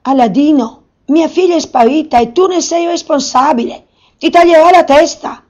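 A woman voicing a furious old emperor who shouts high and loud. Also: moderate pace, natural voice. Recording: slightly muffled recording.

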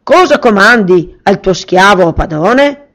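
A woman's voice: mid-range voice, expressive, unhurried, fairly bright tone, pitched above the performer's own voice. A woman doing a giant solemn lamp genie. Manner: solemn rhyming declamation.

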